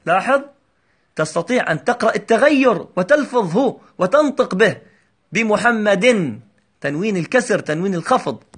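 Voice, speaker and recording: A male teacher explaining a grammar lesson, patiently repeating examples slowly and checking that his students follow. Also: extremely high pitch, fairly bright tone.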